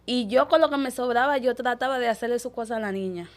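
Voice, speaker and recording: A young woman, telling her life story as an interview guest, quick and animated, acting out the people she quotes. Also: a little high. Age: young adult. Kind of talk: emotional personal storytelling.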